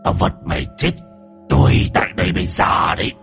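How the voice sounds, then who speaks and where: A cold, possessed old man, his voice sunk extremely low and gravelly with fry. He threatens in a menacing growl that swoops between lines. Faint music sits under this spoken horror tale. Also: lively intonation, fast.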